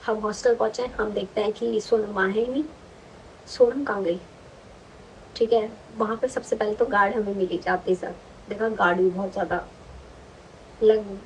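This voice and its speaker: A young woman vlogger telling a personal story in an animated, chatty way, often checking in with the listener. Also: medium pitch, slight background noise, rough recording. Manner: animated, chatty, frequent "ठीक है" check-ins. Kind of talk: casual storytelling.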